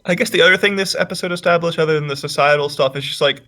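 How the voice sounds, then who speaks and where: A man's voice: fairly high pitch, very fast, sharp tone. A man giving his analysis of an anime episode in casual chat, hedging and restarting his phrases.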